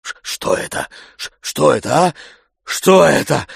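A man voicing a loud, bullying middle-aged male sponger who shouts abuse and blusters in a storybook reading. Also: fairly high pitch, animated, a little slow, gravelly, breathy edge, no echo, clean studio sound, pitched above the performer's own voice, full character voice. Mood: stunned.

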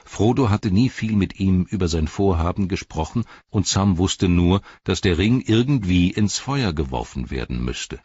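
Very deep, husky male narrator. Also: dry recording, muffled recording. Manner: calm, measured reading. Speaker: audiobook narrator. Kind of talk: scripted narration.

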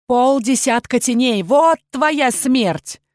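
Woman voicing a villainous dragon queen, audiobook, high-pitched, shrill, loud, gloating, dry close sound. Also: slow pace, no echo. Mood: commanding. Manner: gloating, shrieking commands. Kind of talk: audiobook character reading.

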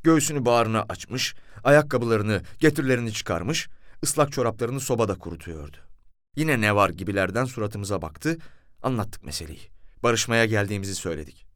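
A man narrating an audiobook story in an expressive, storytelling manner. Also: lowish voice, normal speed, no room sound, clean studio sound. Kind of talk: scripted narration.

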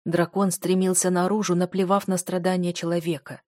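A woman reading first-person fiction aloud as an audiobook narrator, in a steady, measured storytelling manner. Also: fairly low pitch, no room sound, studio quality.

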